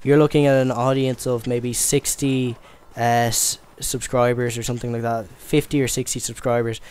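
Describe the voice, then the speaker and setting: A man's voice: mid-range voice, little pitch movement, moderate pace, darkish tone, smooth. A young man from Ireland giving casual commentary over gameplay, rambling and stammering with lots of fillers. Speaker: gaming commentator.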